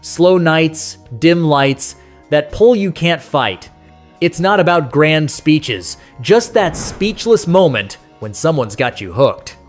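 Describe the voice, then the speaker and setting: A man narrates a scripted nostalgic countdown slowly, his fairly high voice animated. The tone is folksy, conversational, and sentimental, with music in the background.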